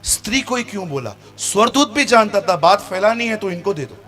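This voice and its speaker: A man's voice: high-pitched, expressive, fairly quick, fairly bright tone, soft background music. A man preaching a sermon as pastor in a church meeting, joking with the congregation and mimicking its members.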